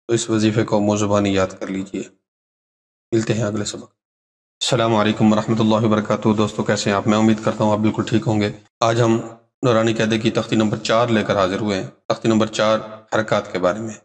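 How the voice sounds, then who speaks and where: A man teaching Quran letter reading, chanting letter names slowly and drawn out, then explaining briskly in plain talk. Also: fairly low pitch. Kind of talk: slow recitation lesson with quick explanations.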